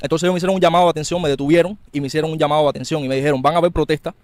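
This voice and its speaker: A Cuban man with a Cuban accent, an interviewee earnestly recounting his own experience in a quick, tumbling way. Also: a little high, steady tone, no echo. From Cuba. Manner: earnest, quick, tumbling narration with small restarts. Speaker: interviewee, former political prisoner. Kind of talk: recounting a personal story in an interview.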